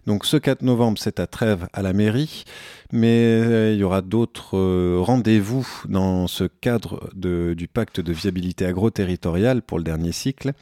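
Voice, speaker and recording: A man hosting local radio, reading out an events agenda in a relaxed way with frequent fillers and small self-corrections. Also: sits low, a little slow, no room sound.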